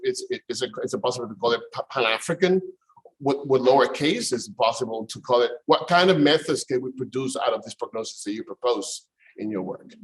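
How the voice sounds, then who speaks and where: A man's voice: mid-range voice, poor audio. A man from Cuba, asking a long, earnest question at an academic seminar and restarting his phrases often. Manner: earnest, searching, many restarts. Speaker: audience member asking a question.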